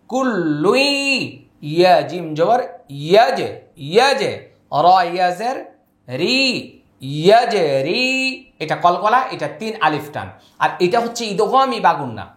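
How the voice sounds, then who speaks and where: Male Quran reading teacher, fairly high voice, slow drawn-out letter-by-letter drilling, roomy echo. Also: very animated, a bit bright. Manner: spells letters and vowel marks, then chants words slowly, with quick asides. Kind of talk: slow syllable-by-syllable recitation lesson.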